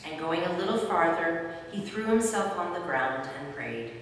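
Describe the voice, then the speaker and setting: Woman narrator reading scripture, lowish voice, big church-like echo, kinda distant. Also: expressive, normal speed. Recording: very echoey hall, distant mic, faint noise.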